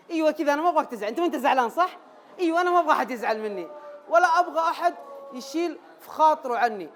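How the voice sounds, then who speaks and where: A jittery, people-pleasing man, played by an actor on stage. He pleads and repeats himself in a notably high voice, with nervous laughter running through the theater monologue. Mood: pleading. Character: anxious people-pleasing male ex-teacher.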